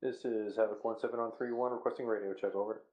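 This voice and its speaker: A man's voice: lowish voice, steady tone, fast, reverberant, highs cut off. A man using clipped, formal radio procedure on a channel broken by static bursts. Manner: clipped, formal call-sign talk. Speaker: player calling in on squad radio.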